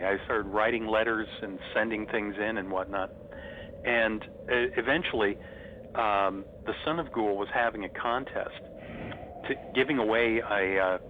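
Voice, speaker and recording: A middle-aged man reminisces like an enthusiastic fan in a casual interview. His voice is a little on the low side and comes over a thin, phone-like connection with clear noise behind it. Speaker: interview guest, horror host. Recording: noisy, thin phone-like line.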